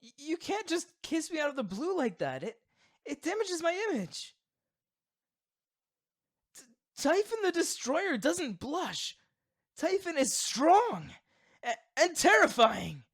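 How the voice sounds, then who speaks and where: A man acts out a proud young supervillain boyfriend for an ASMR roleplay. His delivery is slow and theatrical, with big swings in pitch. Under the villainous pomp he is teasing, doting and easily flustered. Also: sing-song, fairly bright tone, full character voice.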